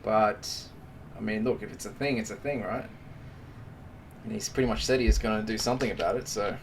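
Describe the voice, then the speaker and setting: A man's voice: lowish voice, a little fast, distant mic, slight background noise. A man hosting a trading live stream, giving casual, joking market commentary and calling viewers "mate". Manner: chatty and joking, talks to the viewers as mates.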